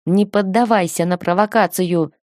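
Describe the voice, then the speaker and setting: A woman's voice: fairly low pitch, fairly even intonation, normal speed, darkish tone, no echo, studio quality, lightly acted. A woman voicing a bossy male house cat who speaks mind to mind in curt, blunt remarks, in a storybook reading. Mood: urgent.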